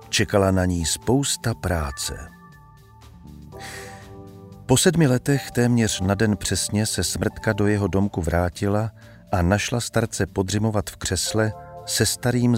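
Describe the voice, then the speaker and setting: A man narrating a dark audiobook with a low, steady voice and a measured, dramatic delivery. Soft music plays faintly under the reading.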